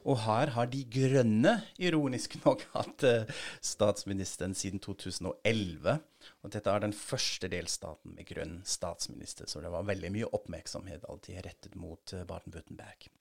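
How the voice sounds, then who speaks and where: Man from Germany, native German speaker, very low voice, relaxed podcast co-host. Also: creaky. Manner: relaxed, laughs lightly while explaining. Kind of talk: conversational explainer.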